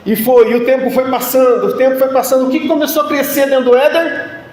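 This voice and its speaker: A man's voice: very high-pitched, fairly even intonation, fast, a little mellow. A man preaching a sermon as pastor, telling a humorous, self-mocking personal story. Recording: echoey room sound.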